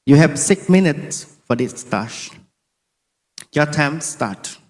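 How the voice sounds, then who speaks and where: Measured male examiner in a reverberant hall. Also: fairly high pitch, animated, a little mellow. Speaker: competition examiner. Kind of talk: formal task instructions.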